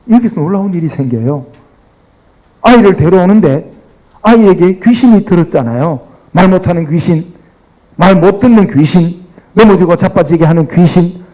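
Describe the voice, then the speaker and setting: A man's voice: high voice, warm tone, low-quality recording. A middle-aged man, a pastor with a Gyeongsang accent, preaching a sermon and dramatically acting out the people in the story. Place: church sanctuary.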